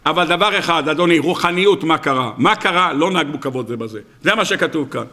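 A man, a rabbi, giving a weekly sermon full of animated humorous stories with sudden jumps in his voice. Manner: animated storytelling with sudden pitch jumps and asides.

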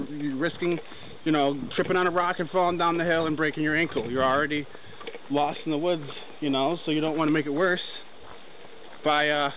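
A young hiker talks loosely to a handheld camera held at arm's length while making his way through a forest, giving casual vlog narration. His voice is on the high side, and the recording sounds tinny and lo-fi with faint background noise.

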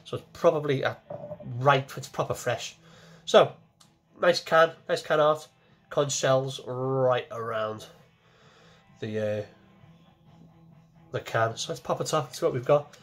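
A man's voice: mid-range voice, slow pace, pauses often, a bit bright, faint music behind. A man in his forties, talking casually to camera from a small home kitchen as he reviews a beer, chatty and repeating himself as he goes.

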